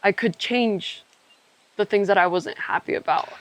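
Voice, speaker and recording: Speaking at a normal speed in a medium-pitched voice, a young adult Ecuadorian woman shares her own story as a podcast co-host. She's candid and reflective, musing aloud and letting asides trail off.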